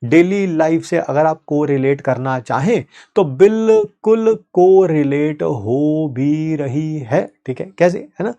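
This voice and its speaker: A male chemistry teacher giving a lively, conversational lecture, mixing English terms and checking in with students often. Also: a little high, slow, few pauses.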